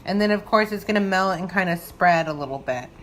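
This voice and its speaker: A woman speaks fairly quickly in a lowish, fairly bright voice, giving a casual, giggly, slightly tipsy cooking demo in her kitchen and thinking aloud as she goes. The recording is noisy with kitchen ambience.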